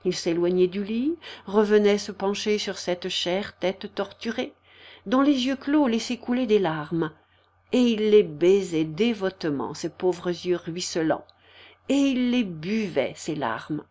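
A woman reading a classic novel aloud in a measured, expressive storytelling manner. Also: mid-range voice. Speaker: audiobook narrator. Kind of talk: scripted literary narration.

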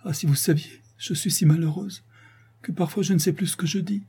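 A man's voice: fairly low pitch, expressive, normal speed, dark tone, husky. A man reading aloud, voicing a frightened, tearful young female servant who pleads in a trembling voice for a storybook. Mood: distraught pleading.

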